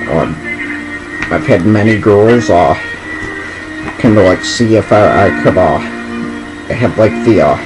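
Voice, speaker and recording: A drunk man rambling casually and haltingly as he presents and reads out a poem, drawing words out and losing his thread. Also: on the low side, rough recording.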